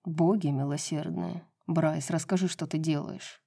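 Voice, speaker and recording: A woman voicing a low, seductive winged man. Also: very animated, a little slow, mellow, exaggerated voice. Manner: low murmuring, husky seductive tone. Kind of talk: audiobook reading.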